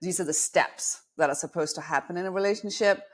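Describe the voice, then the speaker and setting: Talking briskly in a lowish voice, a woman from Denmark in her forties guests on a podcast. She reflects on life as a dating coach with a self-deprecating streak.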